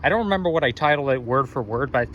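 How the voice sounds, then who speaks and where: Recorded with a muffled sound, this walking-tour vlogger from Toronto, Canada is a young man chatting casually as he strolls, with faint traffic in the background. His strong, slightly growly mid-range voice carries a little hoarseness, a frog in the throat, yet stays fairly bright. He talks quickly and expressively, wandering off track, musing aloud, and fixing his own words.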